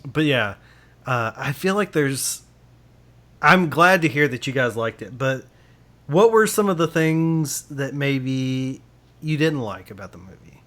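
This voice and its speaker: A man's voice: mid-range voice, animated, a little slow, a bit bright. A man hosting a casual movie review podcast. He talks with enthusiasm, laughs often and restarts his sentences. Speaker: podcast host. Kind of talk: casual film review chat.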